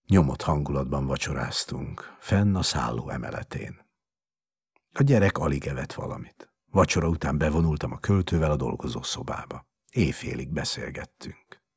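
A man narrating a story in an expressive, measured dramatic reading. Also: rumbling low, slightly rough, no room sound, clean studio sound.

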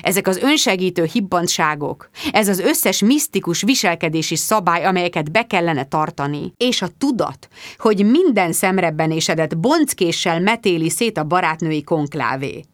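A woman reading the lines of an earnest, reserved man who speaks in measured, thoughtful sentences. The intonation stays lively, and the sound is dry and close. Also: fairly low pitch, no echo, close to an everyday voice.

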